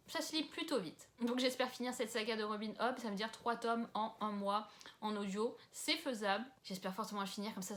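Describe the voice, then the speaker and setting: Casual book-vlog host, a young woman from France, middle pitch, chatty and self-mocking, lots of fillers. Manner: chatty, self-deprecating, many fillers and asides. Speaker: book vlogger. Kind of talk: casual chat about books. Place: at home with books.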